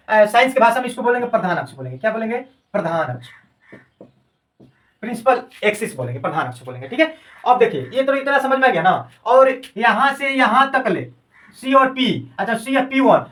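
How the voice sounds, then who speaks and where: A man's voice: very high voice, fairly bright tone, far from the mic, low-quality recording. A man teaching a classroom science lesson. He repeats each term as a question and then answers it, and calls his students "babu".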